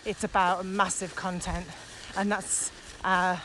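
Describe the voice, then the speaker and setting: A virtual trainer co-hosting a casual podcast speaks with enthusiasm and emphasis, though her lowish voice stays level and slow. Recorded while walking outdoors in the countryside, the low-quality audio has ambient noise and a noisy crowd behind her.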